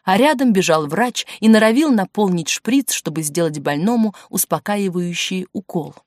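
A woman narrating an audiobook in an expressive storytelling manner, recorded in a studio. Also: mid-range voice, normal speed, dry recording. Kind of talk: scripted narration. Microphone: studio mic.

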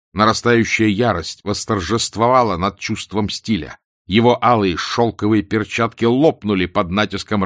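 A man narrating an audiobook in a measured, dry, ironic manner. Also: on the low side, fairly bright tone, no room sound. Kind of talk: scripted narration.

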